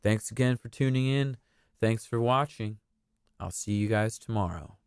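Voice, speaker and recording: Lowish-voiced man, casual story show host. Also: moderate pace, clear, resonant tone, no room sound, clean studio sound. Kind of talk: casual sign-off to viewers.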